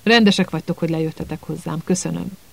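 A male narrator voicing a huge, gruff but kindly gamekeeper who booms and scolds. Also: steady tone, fairly bright tone, exaggerated voice. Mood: gruff scolding. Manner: booming, scolding.

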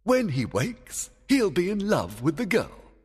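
A man's voice: sits high, wildly swooping pitch, measured pace, a little mellow, breathy edge, big-room sound, voice pushed up, full character voice. A man voicing a proud, scheming male fairy king who gives orders gleefully. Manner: commanding, gleeful.

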